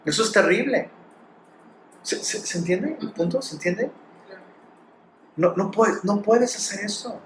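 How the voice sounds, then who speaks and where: A man's voice: sits high, a little slow, pauses often, reverberant, slight background noise. A man with a Mexican Spanish accent preaching a sermon, pressing his points with rhetorical questions and acted quotes. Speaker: pastor.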